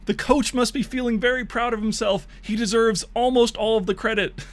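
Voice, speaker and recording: This streamer, his voice very high, steady in tone and brisk, delivers hyped mock esports calls for bot matches. Between crude jokes and laughter, he's clearly losing his voice.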